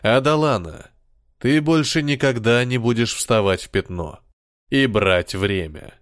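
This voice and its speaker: A man voicing Arthur, a cold and commanding male leader persona who speaks slowly and with authority, in an audiobook. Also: mid-range voice, dry recording, studio quality, close to an everyday voice. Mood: stern. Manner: slow, measured, authoritative.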